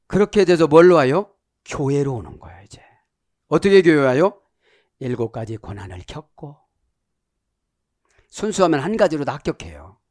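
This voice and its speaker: A man's voice: fairly high pitch, darkish tone, dry recording, studio quality. A middle-aged man preaching a sermon as pastor, teaching Greek words and acting out the voices of the people he quotes. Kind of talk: sermon with Greek word study.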